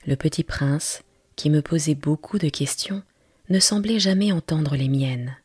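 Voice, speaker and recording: A woman narrating a storybook in whispered role-play, her low voice very breathy and husky. She reads slowly and softly, close to the mic in a dry, dead space. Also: dry recording. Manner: slow, soft, measured reading. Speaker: narrator reading a storybook aloud.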